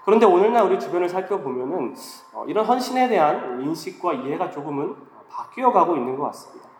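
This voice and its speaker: A man delivers a sermon in a fairly high voice that sounds stuffed-up, as if his nose were pinched by a cold. He explains things in a measured way, pausing as he goes. The hall echoes around him, with faint noise behind. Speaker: preacher, guest speaker at a church young adult service.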